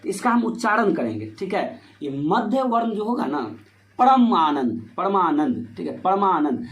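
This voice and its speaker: A man's voice: high voice, sing-song, normal speed, a bit bright, lo-fi sound. A man teaching Hindi grammar for board exams, asking himself questions and filling with "ठीक है" as he explains step by step. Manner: repetitive rhetorical questions, "ठीक है" fillers. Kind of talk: board-exam grammar lesson. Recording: echoey room with faint noise.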